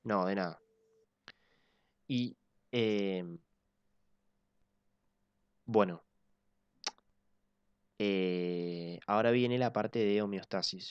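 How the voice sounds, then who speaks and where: Low-voiced man teaching a class. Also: clear, resonant tone, dry recording. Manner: explanatory, repeats key points slowly. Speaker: physiology teacher. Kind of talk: online class lecture. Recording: dull lo-fi dry sound.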